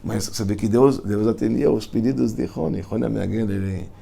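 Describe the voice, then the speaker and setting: A rabbi teaching a class tells a Talmud story in a casual lesson, animated and colloquial, with slang and restarts. His voice is on the low side, at a normal speed, with vocal fry, and the recording carries a little hiss or hum.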